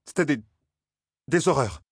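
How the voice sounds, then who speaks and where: A man's voice: medium pitch, animated, measured pace, slightly rough, no room sound, clean studio sound, voice pushed up, heavily acted. A man reading an audiobook, voicing a frightened young shepherd who talks with urgent, pleading worry.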